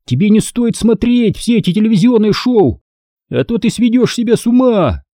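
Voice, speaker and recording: An exasperated twelve-year-old boy who snaps at his little brother, as a man narrating a storybook puts him on. His voice is high and lively, with a husky edge and short, impatient, scolding bursts. The recording is dry and close. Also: moderate pace, no echo.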